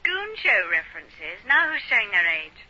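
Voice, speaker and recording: A woman's voice: medium pitch, big pitch swings, pushed and bright, breathy edge, full character voice. An actress playing a teasing, protective woman friend, heard over a telephone line in a radio drama. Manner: brisk, joking, then fiercely protective. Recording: dull phone-line sound.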